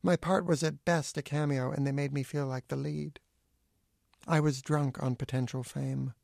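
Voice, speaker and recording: Brief: middle-aged male author, dry acerbic essay reading, gravelly edges, dead close dry mic. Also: on the high side, moderate pace, dry recording. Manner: acerbic, deadpan wit.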